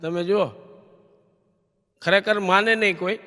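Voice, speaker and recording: A high, bright-voiced man tells comic stories from a stage, his voice ringing through a reverberant hall. He is animated and keeps turning the punchline back to the audience as a question. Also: a little slow. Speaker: stage comedian. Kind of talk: comic storytelling to a live audience.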